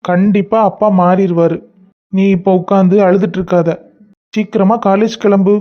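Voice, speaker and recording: A soft-spoken young man in a cartoon, voiced by a performer coaxes and pleads in a mid-pitched voice with a Kanyakumari Tamil accent. The audio is a little dull and lo-fi. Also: fairly even intonation, normal speed, lightly acted. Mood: soothing. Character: gentle young man, apologetic husband and caring brother. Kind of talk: cartoon voice acting.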